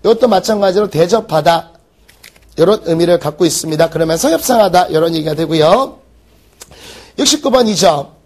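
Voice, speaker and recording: A man teaching an exam-prep English lesson, firing quick rhetorical questions at the class. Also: high-pitched, expressive. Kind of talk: recorded exam-prep lecture.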